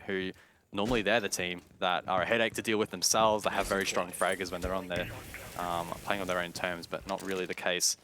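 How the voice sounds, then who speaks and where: Over background noise, a low-voiced man provides live esports color commentary. He breaks down plays analytically, thinking aloud and using occasional fillers.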